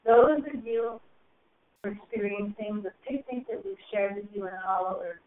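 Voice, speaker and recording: A woman channeling a spiritual message to a group, speaking in slow, solemn, drawn-out phrases that swell and soar, heard over a phone call. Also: medium pitch, steady tone, slight background noise. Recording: tinny phone line.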